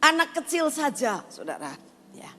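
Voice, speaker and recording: An older woman giving an animated church testimony, telling a story and acting out the dialogue of its people. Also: high voice, moderate pace, faint music behind. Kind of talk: sermon testimony.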